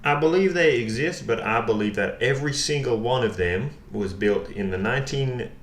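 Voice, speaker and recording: A man playing a stubborn male conspiracy theorist who speaks slowly and formally with flat insistence. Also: medium pitch, close to an everyday voice. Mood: stubborn deadpan. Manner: slow, formal, flatly insistent. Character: deadpan male conspiracy theorist denying France exists. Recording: roomy echo, faint background noise.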